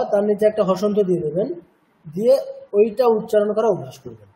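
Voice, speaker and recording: A man's voice: high voice, mellow, poor audio. A man teaching a Sanskrit chanting class, patiently explaining pronunciation rules and checking that students follow. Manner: patient, checks understanding with repeated questions; slowly demonstrates chanted syllables. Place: cultural centre classroom.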